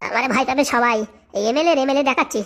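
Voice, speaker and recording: A woman's voice: high voice, fast. A woman voicing a fierce, bossy woman boss in a comic cartoon, threatening and commanding.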